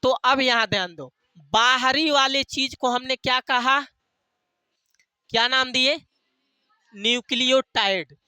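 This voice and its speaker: Slow, bright-voiced male teacher. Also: extremely high pitch, clear, resonant tone, no room sound. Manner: asks questions and answers them himself, repeats key terms; uses jokey memory tricks. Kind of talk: classroom lecture with call-and-response questions.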